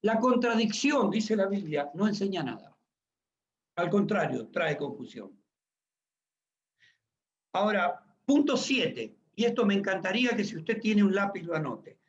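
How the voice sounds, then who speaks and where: Middle-aged pastor preaching, high voice, emphatic, dull lo-fi recording. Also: male voice, sing-song, unhurried, pauses often. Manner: emphatic, asks the congregation questions. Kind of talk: sermon.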